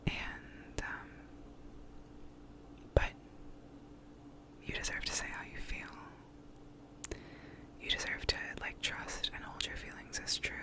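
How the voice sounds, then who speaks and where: A woman's voice: a little slow, rough recording. Woman giving a whispered pep talk. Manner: whispering throughout, close up; reassuring, validating. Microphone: close to the mouth.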